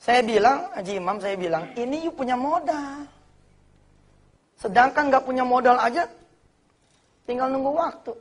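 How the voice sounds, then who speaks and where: A man in his forties preaching a lively sermon to a live audience in casual speech, joking and acting out quotes. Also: very high-pitched, normal speed, long pauses, husky. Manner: animated, jokey, mixes in slang and acted quotes.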